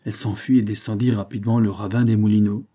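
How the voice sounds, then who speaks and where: Man, audiobook narrator, measured reading, husky, dark tone. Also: lowish voice. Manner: steady, measured literary reading. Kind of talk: scripted narration.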